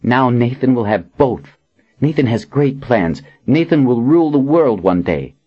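A man's voice: medium pitch, animated, a little slow, breathy edge, highs cut off, pitched above the performer's own voice. A man voicing a cheerful young woman who speaks with eager, breathless adoration.

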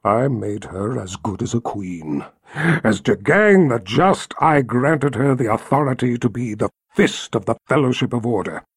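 A man voicing a brooding, jealous tyrant emperor with a deep rumbling voice, speaking slowly and menacingly. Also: lively intonation, breathy edge, no room sound, clean studio sound. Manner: slow, low and menacing.

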